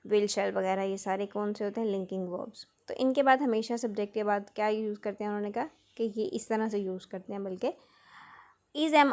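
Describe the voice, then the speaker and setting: A woman with a fairly high voice, teaching an exam-prep grammar lesson. She walks through each rule step by step and mixes English grammar terms into her explanations. She reads out each English example sentence slowly and with care. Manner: explains step by step, often checking in with a tag word; explains in Hindi-Urdu mixed with English terms.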